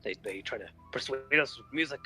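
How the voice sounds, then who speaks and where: A man's voice: mid-range voice, animated, brisk, pushed and bright, soft background music, low-quality recording. A man playing a tabletop game, talking casually and playfully in character. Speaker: player.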